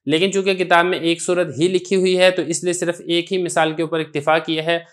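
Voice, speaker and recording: A man teaching a recorded lesson on recitation rules, explaining patiently step by step and repeating each example slowly. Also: a little high, level tone.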